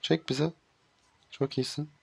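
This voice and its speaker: A man's voice: fairly high pitch, steady tone, slow pace, creaky, breathy edge, dry recording. Exasperated male game streamer, dry mic. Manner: exasperated, shouts at teammates. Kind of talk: live gameplay commentary.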